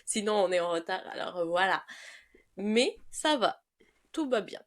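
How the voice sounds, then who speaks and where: A woman co-hosting a podcast in casual chat, her voice hoarse and husky from a cold. She talks cheerfully but haltingly, with many restarts. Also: animated. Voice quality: low, husky sick voice. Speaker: podcast co-host.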